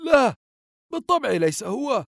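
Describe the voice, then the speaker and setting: A man's voice: high voice, expressive, moderate pace, vocal fry, no room sound, clean studio sound, voice pushed up, exaggerated voice. A man voicing a worried, stern old grandfather in an audiobook, speaking firmly. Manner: firm, anxious pleading.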